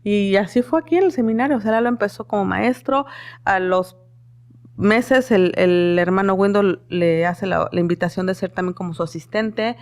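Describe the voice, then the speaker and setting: Brief: middle-aged woman guest, earnest storyteller, mid-pitched voice, chatty interview pace. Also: moderate pace, darkish tone. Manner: earnest, storytelling with many fillers. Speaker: podcast guest. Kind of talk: conversational interview.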